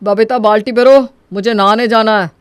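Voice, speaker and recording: A bossy young man who is quick to anger, voiced by a woman in a cartoon story. The voice sits fairly high. The recording is dry and close. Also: fairly even intonation, clear, resonant tone, no echo, close to an everyday voice. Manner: bossy, domineering. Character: hot-tempered young man demanding his share. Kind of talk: animated story voice acting.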